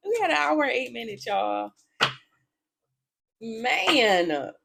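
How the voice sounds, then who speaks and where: A woman's voice: fairly high pitch, sing-song, slow, vocal fry, background noise. A woman giving a casual tarot reading to her viewers, blunt and profane, often breaking into laughter. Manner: talks straight to her viewers. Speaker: tarot reader.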